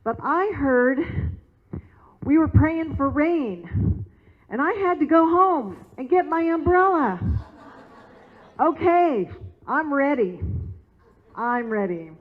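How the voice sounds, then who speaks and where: A woman's voice: sits high, animated, takes it slowly, long pauses, pitched above the performer's own voice. A woman voicing an eager, cheerful little girl who is breathless and apologetic. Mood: bubbly. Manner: bubbly, apologetic. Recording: tinny phone-like sound.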